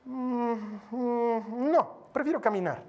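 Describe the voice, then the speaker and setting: A man's voice: extremely high pitch, slow pace, warm tone, voice pushed up. A male preacher voicing a grumpy older woman coworker who turns curt refusals into gushing greetings. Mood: curt, dismissive.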